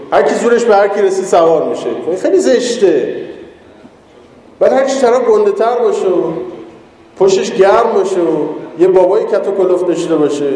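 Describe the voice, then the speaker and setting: A man with a high, mellow voice tells jokey stories to an audience. His voice rings out in a large, echoey hall with a long reverb tail. He talks casually and acts out the people in his anecdotes. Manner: storytelling, jokey, animated quoting of others. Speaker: speaker giving a public talk. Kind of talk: informal talk with humorous anecdotes.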